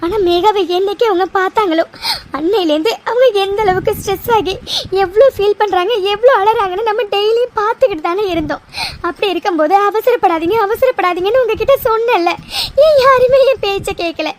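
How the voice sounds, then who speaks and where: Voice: very high-pitched, fairly quick, slight background noise. A performer voicing a grown daughter in a cartoon, scared for her mother and reproachful, who scolds the family through tears. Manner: scolding, tearful, repeating herself. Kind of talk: cartoon voice acting.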